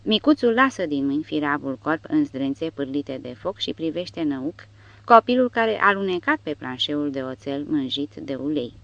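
A woman narrating an audiobook in a dramatic, expressive reading style. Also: sits low, vocal fry, no room sound. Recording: dull dry recording.

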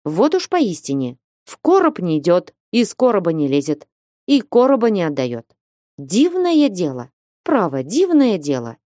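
Woman voicing older godfather, coaxing, insistent, mellow low voice, audiobook. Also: huge pitch swings, unhurried, dry recording, clean studio sound. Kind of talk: audiobook reading.

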